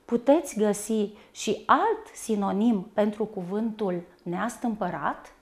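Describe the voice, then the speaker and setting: In a mid-range voice, a woman gives a primary school lesson, slowly and deliberately spelling out each word one syllable at a time.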